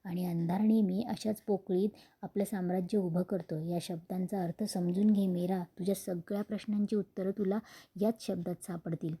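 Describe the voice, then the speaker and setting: A woman voicing a calm, wise elderly grandmother who speaks soothingly. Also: fairly low pitch, moderate pace, husky. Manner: soothing, advising.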